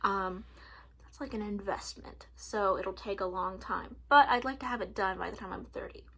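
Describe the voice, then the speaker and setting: This twenty-something vlogger speaks casually to camera at home, peppering her chat with "like" and "um" and laughing frequently. Her medium-pitched voice is steady and moderately paced, bright and forceful, with vocal fry and a breathy edge.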